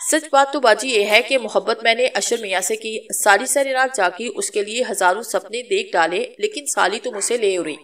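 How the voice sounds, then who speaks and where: A woman's voice: medium pitch, hardly any pauses, fairly bright tone, distant mic, close to an everyday voice. A woman voicing a cheeky, lovesick young woman who teases and talks crudely. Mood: wistful. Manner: teasing, crude, playful.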